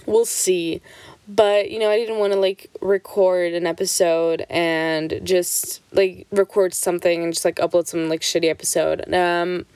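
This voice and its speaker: A woman's voice: fairly low pitch, flat delivery, measured pace, darkish tone, smooth, no room sound. Rambling, foul-mouthed young woman podcaster. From Switzerland. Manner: rambling, profane, restarts often. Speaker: podcast host. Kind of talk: casual solo podcast chat.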